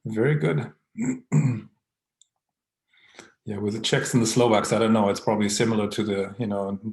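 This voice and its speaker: A man's voice: fairly low pitch, fairly even intonation, moderate pace, darkish tone, echoey room. A man hosting a casual live online Q&A. He reads viewer comments aloud, greets people by name, and chuckles often.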